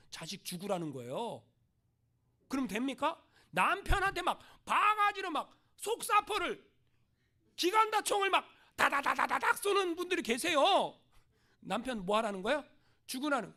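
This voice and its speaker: A man's voice: very high-pitched, bright, forceful tone. A male pastor preaching a sermon, pressing his points with rhetorical questions and strong emphasis.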